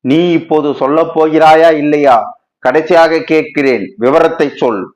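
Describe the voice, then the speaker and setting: A man voicing a calm male friend in a storybook reading, asking steady questions and urging the other to speak plainly, on a dull lo-fi recording. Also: a little high, normal speed, lightly acted. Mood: impatient. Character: calm male friend, patient but pressing.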